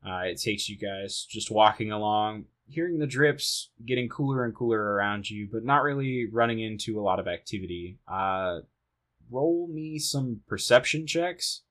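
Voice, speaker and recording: A man's voice: fairly low pitch, animated, moderate pace, fairly bright tone. Laid-back man running a tabletop game. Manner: laid-back, swears freely, laughs often. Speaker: game master.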